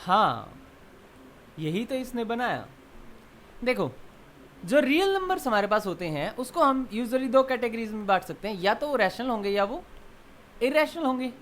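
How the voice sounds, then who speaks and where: A male math lecturer giving a classroom lecture in mixed Hindi and English. He explains step by step, keeps asking students quick check questions and answers them himself. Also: extremely high pitch, sing-song, a bit bright, slight background noise.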